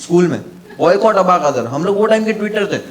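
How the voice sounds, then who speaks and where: A man doing stand-up comedy, telling an animated story and shouting out his friends' lines. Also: high voice, fairly quick, very noisy. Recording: echoey venue with loud laughing crowd.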